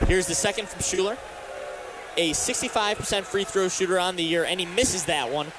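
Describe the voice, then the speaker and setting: Courtside in a sports arena, an American radio play-by-play announcer and sports talk host calls a basketball game live. His voice sits high and moves fairly quickly, with faint background noise on the broadcast.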